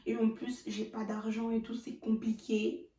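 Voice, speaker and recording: A young man begs in a small, soft, whiny voice, as a woman puts him on in her storytime. The voice sits high. It sounds roomy, with the mic at some distance. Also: monotone, unhurried, natural voice. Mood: pleading.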